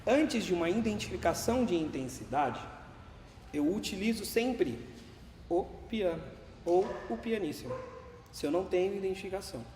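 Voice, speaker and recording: A man teaching a music class, patiently explaining dynamics while counting beats and singing note names. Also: high voice. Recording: echoey classroom with long reverb, faint room noise.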